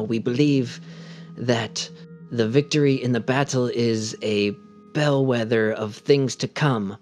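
A man playing in a tabletop game, reading a newspaper article aloud in a measured, deliberate way. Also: medium pitch. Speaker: player.

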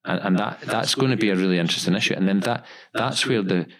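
A man's voice: lowish voice, fast talker, a bit bright. A man hosting a podcast, talking about running a practice in long, emphatic runs with many repeated words. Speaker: podcast host, dental practice owner. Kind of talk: casual podcast discussion.

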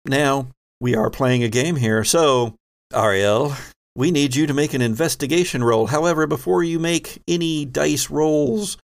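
A man narrates his tabletop game podcast, acting as host and game master with dramatic storytelling phrasing and deliberate pauses. His voice is gravelly and fairly high.

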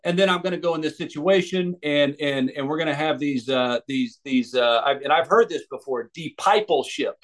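American evangelist, male, fairly high voice, earnest halting answers. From United States. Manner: thoughtful, with many restarts and fillers. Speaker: evangelist and author. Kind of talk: interview answers.

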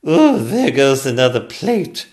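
A bossy storybook queen with a raised, loud and slow voice, performed by a man. She talks down to everyone in a haughty drawl. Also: medium pitch, sing-song, voice pushed up. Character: bossy, chatty middle-aged queen.

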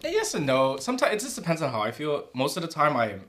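Fast, rambling man in casual chat. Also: a little high, wildly swooping pitch, a bit bright. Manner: rambling, heavy use of "like" and fillers; profane, joking.

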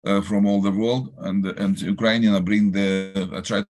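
An older man with a Russian accent, a rabbi answering interview questions haltingly in a non-native language, searching for words and restarting often. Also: on the low side, level tone.

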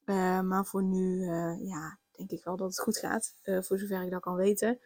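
A woman's voice: lowish voice, little pitch movement, moderate pace, a little mellow, dry recording. A pregnant young woman, hosting a casual solo podcast, rambling with many fillers and restarts. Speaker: podcast host.

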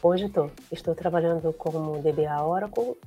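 Woman, low husky mellow voice, relaxed interview guest. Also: normal speed, faint music behind, rough recording. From Brazil. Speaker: guest database administrator. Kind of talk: casual interview chat.

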